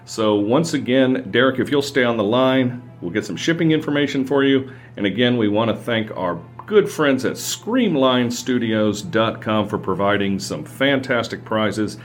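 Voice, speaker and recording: A man's voice: medium pitch, expressive, normal speed, few pauses. A man hosting a show in a folksy, showman-like way, announcing with emphatic phrasing. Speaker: radio show host. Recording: faint music behind the voice.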